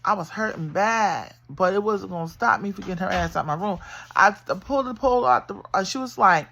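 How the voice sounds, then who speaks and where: A middle-aged woman telling her own story in a casual, animated and emphatic way, getting loud in the heated parts. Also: medium pitch, brisk, creaky. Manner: animated, emphatic, swings into loud bursts when retelling. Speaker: vlogger.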